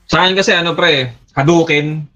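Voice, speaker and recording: An easygoing young Filipino man with a Filipino accent, chatting on a podcast. His voice sits a little high. Faint music plays under him. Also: fairly even intonation, fairly quick, dull audio. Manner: easygoing, says "pre" to friends. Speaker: podcast co-host. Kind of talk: casual chat among friends.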